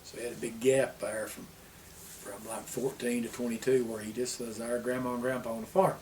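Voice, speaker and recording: A man's voice: medium pitch, little pitch movement, a little fast, darkish tone. An older man with an Appalachian accent tells family history in a folksy, rambling porch-sitter way, dropping his word endings. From Appalachian Tennessee, US. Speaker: interviewee sharing family history. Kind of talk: unhurried oral-history storytelling, like a porch sitter reminiscing. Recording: distant mic with background noise.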